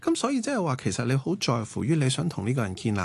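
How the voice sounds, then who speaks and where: Male panellist, Hong Kong Cantonese accent, mid-pitched and very animated, casual discussion. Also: racing, vocal fry, husky. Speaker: talk show panellist.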